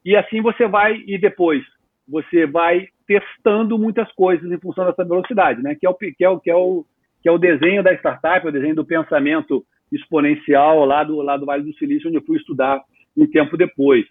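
A man in his fifties, a guest entrepreneur, talking in a casual, animated way with lots of slang in an interview. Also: on the high side, brisk, dry recording. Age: 50s. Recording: tinny phone-like line.

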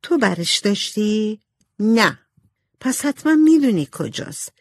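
A woman voicing a shy, gentle young girl in an audiobook. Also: medium pitch, very animated, no echo, studio quality, voice pushed up. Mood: questioning.

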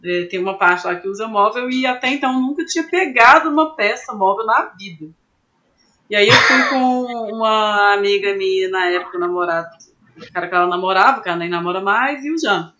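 A young woman from Brazil telling an animated story in a casual interview, laughing often and acting out what people said. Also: mid-range voice, brisk, dull audio. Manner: animated, laughs often, acts out quoted voices. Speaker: climber guest.

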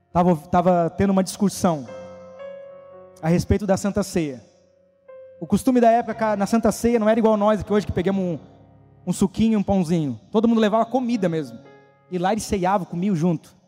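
Animated high-voiced preacher in a reverberant hall. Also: male voice. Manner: animated, slangy, acts out quoted voices. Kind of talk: casual youth sermon.

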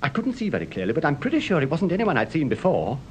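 An actor playing a nervous, fussy gentleman in an old radio drama, talking in a fretful, melodramatic way. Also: fairly high pitch, huge pitch swings, fast, rough recording. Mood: frightened. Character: nervous fussy gentleman, shaken after an attack. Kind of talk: 1950s radio drama acting. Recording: old radio play with faint hiss.

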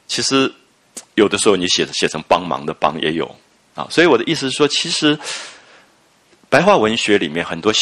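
An older man, giving a reflective lecture on a classic novel, with drawn-out "ah" fillers. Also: on the low side, a bit bright. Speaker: literature lecturer.

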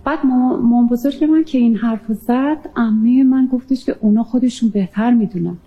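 A woman recounting a near-death experience in an earnest, halting way, often pausing with fillers. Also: on the high side, slightly rough, phone-quality sound, soft background music. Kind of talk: emotional personal testimony.

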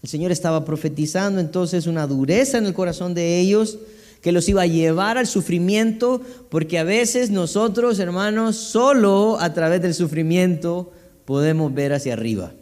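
A man's voice: sits high, normal speed, a little mellow. A man preaching a sermon as pastor, reading scripture aloud and then explaining it with asides to the congregation. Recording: long reverb of a hall.

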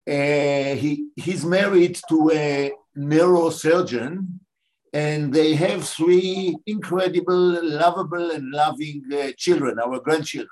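An older man from Israel, a guest answering interview questions in a measured, pausing way. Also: fairly high pitch, darkish tone.

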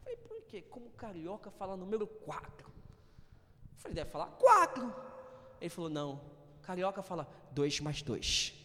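Brazilian male pastor, high voice, animated sermon delivery, long church reverb. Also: moderate pace. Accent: Brazilian Portuguese. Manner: animated, swings between loud emphatic lines and low asides. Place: church hall.

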